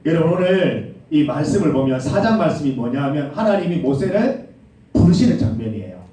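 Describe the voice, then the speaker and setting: A man's voice: fairly high pitch, very animated, a little fast, warm tone. A man preaching a sermon as youth pastor, often putting questions to his listeners. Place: church sanctuary. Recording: very echoey hall, mic far off.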